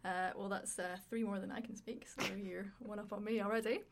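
A woman's voice: medium pitch, fairly even intonation, a little fast, slight background noise. Chatty woman podcast co-host. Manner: many fillers, asks questions, laughs often. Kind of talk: casual podcast chat.

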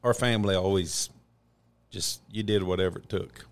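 A man from northern Missouri, a shed hauler and podcast guest, telling stories in a relaxed, self-deprecating way from a hotel room. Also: low-pitched, normal speed. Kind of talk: casual storytelling.

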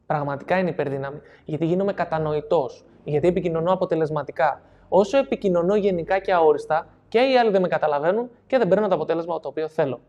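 A man's voice: fairly high pitch, a little mellow, highs cut off. A man coaching an audience in a seminar talk, explaining step by step, repeating key phrases and checking that listeners follow. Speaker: NLP coach.

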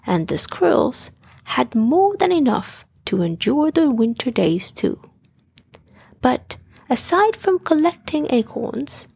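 A woman narrating a bedtime story in a soft, half-whispered way. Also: high-pitched, vocal fry, breathy edge, no echo.

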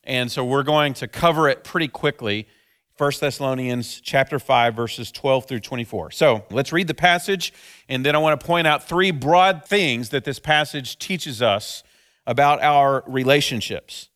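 A pastor preaching a sermon at a pulpit microphone, earnest and steady, building points through repeated phrases. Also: male voice, medium pitch, unhurried.

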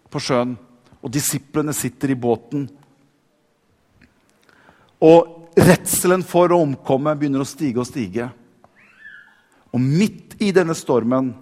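A male preacher delivers a sermon in a fairly high voice, repeating words as he presses his point and growing more fervent. His voice carries a long reverb from a large church hall. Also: darkish tone.

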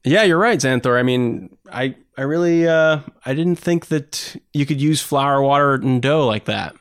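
A man's voice: medium pitch, a little slow, clear, resonant tone, no echo, clean studio sound. A man hosting and moderating a casual comedy podcast in an easygoing, loose way.

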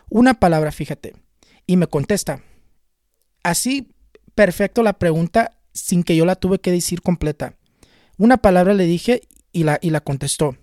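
A man's voice: sits high, a little mellow, no echo. Guy telling his story, keeps repeating words, dry recording. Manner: halting, repeats and restarts words, earnest. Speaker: channel host recounting a spiritual experience. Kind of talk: casual personal storytelling.

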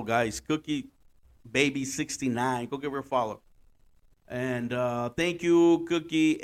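A man hosting a casual solo podcast in loose, slangy talk, repeating phrases for emphasis and swearing freely. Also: a little high. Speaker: podcast host.

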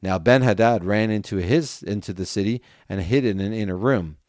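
A man reads scripture aloud at a steady, measured pace. His voice sits low, and the recording is dry and close, with no room echo. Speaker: scripture reader. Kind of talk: scripture reading.

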